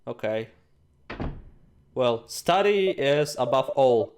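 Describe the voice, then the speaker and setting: Animated and slow, with a medium-pitched voice, a man hosts a let's play and reads game text aloud with theatrical playfulness, exclaiming and cracking jokes to himself. There's background noise and game music behind him.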